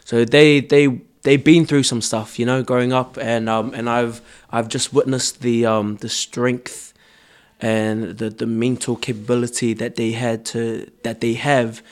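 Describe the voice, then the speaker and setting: A man's voice: mid-range voice, little pitch movement, measured pace. A young man, a choreographer answering interview questions earnestly, with many ums and restarts. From born in Samoa, raised in New Zealand. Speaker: dancer and choreographer guest.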